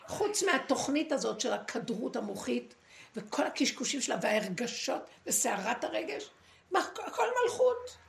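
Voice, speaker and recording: A woman giving a dramatic, preachy spiritual talk to a group, with pointed pauses. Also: a little high, sing-song, gravelly. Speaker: spiritual teacher. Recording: echoey room, faint noise.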